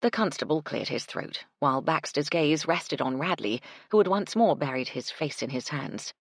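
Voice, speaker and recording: A woman reading a cozy mystery audiobook with steady scripted narration. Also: low voice, moderate pace, no echo, clean studio sound.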